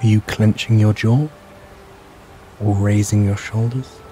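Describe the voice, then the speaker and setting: A man narrating a bedtime sleep story in a calm, measured, soothing and hushed guiding way. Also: lowish voice, a little hiss or hum.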